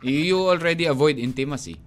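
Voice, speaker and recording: A man's voice: a little high, fairly quick, soft background music. A man co-hosting a radio show, talking casually and joking, switching between languages mid-sentence. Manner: chatty, mixes English into speech, jokey. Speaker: radio DJ co-host.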